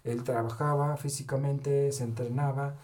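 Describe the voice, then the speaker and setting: A man's voice: mid-range voice, fairly even intonation, normal speed, darkish tone. A man giving a motivational talk, telling stories with short quoted lines and tagging many sentences with a question. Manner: keeps adding the tag question "¿verdad?"; storytelling with short quoted dialogue. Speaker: motivational speaker.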